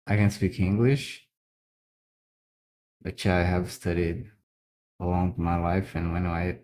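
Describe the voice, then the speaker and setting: A Brazilian illustrator whose native tongue is Brazilian Portuguese speaks accented English in a very low, deep, darkish voice. He talks slowly and casually as he draws, haltingly repeating words while he thinks before continuing.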